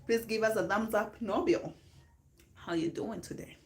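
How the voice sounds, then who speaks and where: A woman's voice: mid-range voice, normal speed, reverberant, background noise. A woman with a Kenyan accent hosting a casual live stream, chatting and greeting viewers by name while mixing in Swahili phrases.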